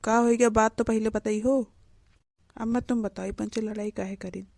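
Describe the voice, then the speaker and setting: A weak-willed Awadhi husband from a cartoon, played by a woman, puzzled by the family fight and quick to give in to his wife. The voice is fairly high for a man and flat in tone, recorded close and dry. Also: creaky, no room sound. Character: young husband, henpecked and confused.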